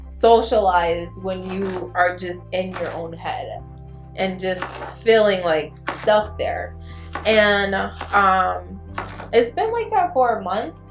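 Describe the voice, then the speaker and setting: This YouTube vlogger from Liberia speaks at a medium pitch, and the room around her echoes. Her chat to camera is relaxed and confessional, full of frank, thoughtful musings about her own life.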